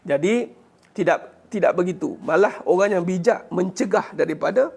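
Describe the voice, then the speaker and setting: A man's voice: sits high, animated, moderate pace, creaky, a little mellow, husky. A man giving a religious lecture as a teacher, answering questions earnestly and punctuating his points with "ha" and rhetorical questions. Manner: earnest, urging listeners to fight back.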